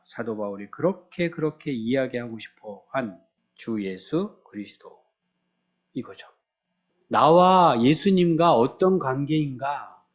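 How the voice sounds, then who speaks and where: Male pastor, higher-pitched voice, conversational sermon in church, rhetorical questions, acts out quoted prayers.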